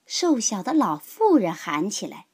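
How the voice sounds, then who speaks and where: A woman narrating a children's fable in an expressive, unhurried storytelling voice. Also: mid-range voice, husky.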